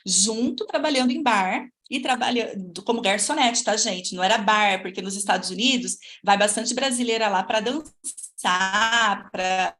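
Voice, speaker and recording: A woman in her forties with a Brazilian Portuguese accent, hosting a live stream and telling her life story in a chatty, lively way, talking straight to her viewers. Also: mid-range voice, normal speed. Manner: lively, chatty, speaks straight to viewers and reads their comments. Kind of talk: casual personal storytelling.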